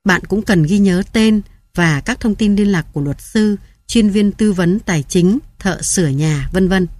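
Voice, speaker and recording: A woman reading an audiobook in a calm, measured narration. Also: medium pitch, no echo.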